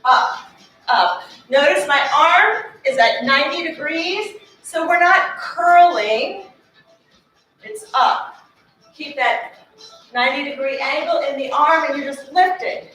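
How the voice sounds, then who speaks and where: Bright high-voiced woman leading a workout. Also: takes it slowly, recorded from a distance. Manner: encouraging, cueing moves while exercising. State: slightly out of breath. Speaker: fitness instructor. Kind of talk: leading an exercise class. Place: carpeted studio. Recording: very echoey room, voice off-mic, faint music.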